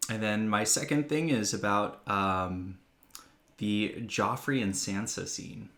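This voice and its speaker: A man co-hosting a podcast, chatting and telling anecdotes in a relaxed way. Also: fairly low pitch, slow pace. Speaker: podcast co-host. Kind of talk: casual chat. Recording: echoey room.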